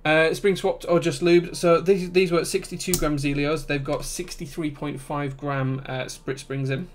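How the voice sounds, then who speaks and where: A man with a broad Yorkshire accent chatting casually as he hosts a livestream, relaxed and conversational. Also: a little high, unhurried, slight background noise. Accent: broad Yorkshire English. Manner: relaxed, conversational, reading out chat comments. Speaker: livestream host and keyboard builder.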